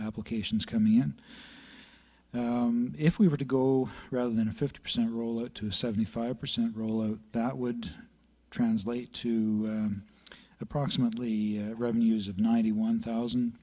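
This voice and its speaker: Hoarse man presenting a budget report. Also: medium pitch, mellow. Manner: halting, many fillers, clears throat. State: slightly hoarse. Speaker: city planning staff presenter. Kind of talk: reading a budget report at a council meeting. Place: council chamber. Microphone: meeting room microphone.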